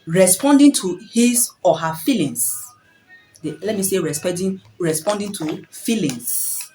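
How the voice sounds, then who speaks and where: Woman, earnest parenting advice, rhetorical questions, slightly low voice. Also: a little mellow, low-quality recording. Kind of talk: preachy advice talk to camera.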